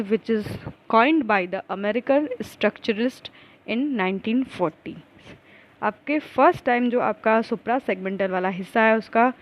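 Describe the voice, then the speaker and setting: A woman teacher gives a recorded lecture, asking herself questions and then answering them, and reads the definitions slowly, word by word. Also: mid-range voice, muffled recording. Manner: explains with repeated rhetorical questions.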